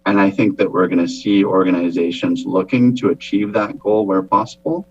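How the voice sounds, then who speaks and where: Low, husky man explaining in a meeting. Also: steady tone, normal speed, no echo, soft background music. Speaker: presenter to a committee. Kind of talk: formal explanatory meeting talk. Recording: dull, lo-fi meeting audio.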